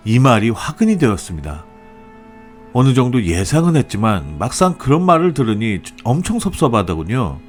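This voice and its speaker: A man narrating a first-person story in an expressive, lively storytelling manner. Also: medium pitch.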